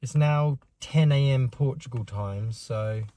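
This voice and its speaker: A man's voice: mid-range voice, takes it slowly, no room sound. A man and father, explaining plans at length to his family in a car, restarting his sentences as he goes. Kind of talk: casual family chat. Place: inside a car. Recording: phone audio with loud car noise.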